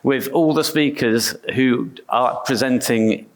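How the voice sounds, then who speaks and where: A man's voice: medium pitch, slow. English man giving a chatty tech talk. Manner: self-deprecating, chatty with restarts. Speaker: conference speaker. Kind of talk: conference talk. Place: conference stage.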